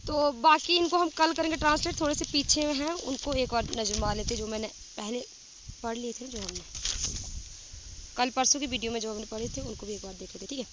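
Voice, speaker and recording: A woman teaching simple English sentences outdoors, reading each sentence and then saying it slowly in English. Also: on the high side, steady tone, muffled recording. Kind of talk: casual spoken English lesson. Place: outdoors in windy fields while grazing cattle. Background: wind and rural outdoor sounds.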